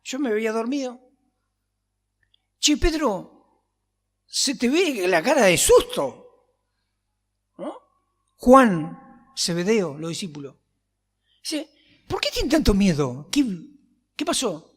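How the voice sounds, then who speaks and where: A preacher playing a gently teasing male teacher. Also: high-pitched, big pitch swings, takes it slowly, long pauses, exaggerated voice. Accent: Rioplatense Spanish. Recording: long church reverb.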